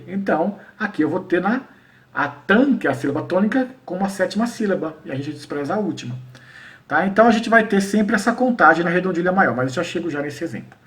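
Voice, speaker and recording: A man with a high, animated, slightly bright voice is recorded on a distant mic. A cordel poet from Paraíba with a Northeastern Brazilian accent, he explains poetry to teachers in an informal lesson, often checking in with "né?" and "tá?" to confirm they're following, and recites verses slowly.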